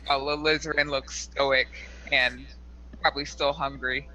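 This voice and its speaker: A man's voice: medium pitch, level tone, moderate pace, sharp tone, rough recording. A man narrating an improvised tabletop role-playing game as game master.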